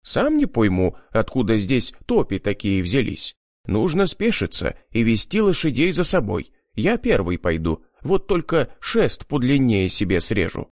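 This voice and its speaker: A man's voice: medium pitch, wildly swooping pitch, unhurried, dry recording, clean studio sound. A man voicing a bearded old Old Believer guide who gives urgent commands, in an audiobook. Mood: thoughtful.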